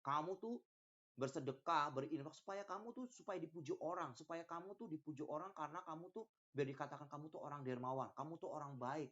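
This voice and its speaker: A man telling a religious lesson to young children, his voice leaping up high for emphasis. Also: fairly quick. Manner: animated, pitch jumps up for emphasis. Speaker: religious mentor teaching children. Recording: dull lo-fi recording.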